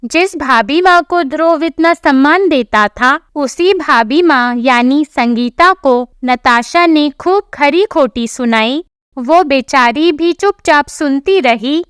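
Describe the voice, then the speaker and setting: A woman with a high voice tells a household tale in a slow, measured read. The sound is close and very dry. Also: dry recording. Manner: even, storytelling. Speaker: narrator. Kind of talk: scripted storybook narration.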